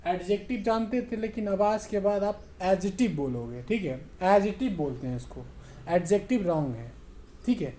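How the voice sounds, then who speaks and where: A man teaching English in Hindi, explaining slowly and often checking that students understand. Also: high-pitched, lively intonation, warm tone. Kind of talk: spoken English lesson in Hindi.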